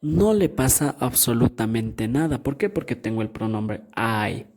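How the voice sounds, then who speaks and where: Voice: mid-range voice, animated, a little slow, darkish tone. An English teacher, patiently explaining grammar to students, repeating each point and often checking that they follow.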